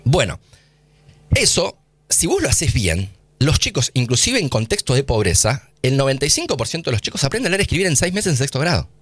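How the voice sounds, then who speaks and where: A man's voice: mid-range voice, sing-song, brisk, fairly bright tone, no room sound. A man with an Argentine accent, a guest scientist in a radio studio interview, explaining eagerly and using casual slang. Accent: Argentine Spanish.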